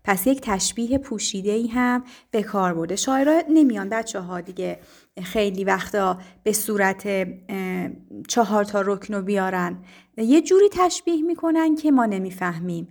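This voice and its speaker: Woman teacher, patient explainer with many pauses, warm mellow voice. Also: mid-range voice. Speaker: literature teacher. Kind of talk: explaining poetry to students.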